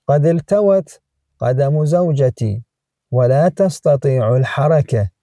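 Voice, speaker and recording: A man, reading phrasebook lines one by one in a slow, measured lesson style. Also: on the high side, warm tone, no echo, clean studio sound. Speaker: language teacher.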